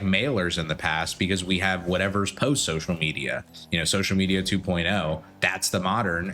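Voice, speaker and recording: Deep bright-toned male streamer. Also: slight background noise. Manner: quick interjections, joking asides. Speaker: streamer reacting to a video. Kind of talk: casual reaction commentary.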